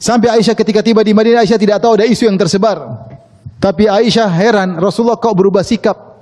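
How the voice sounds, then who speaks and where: A man preaches and tells a story, acting out each quoted line with a lively swing in his voice. His voice sits high but sounds mellow and dark. It rings with the long reverb of a large hall. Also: fast. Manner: animated storytelling, acts out quoted speech, chuckles at his own asides. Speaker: Islamic preacher. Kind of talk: sermon storytelling.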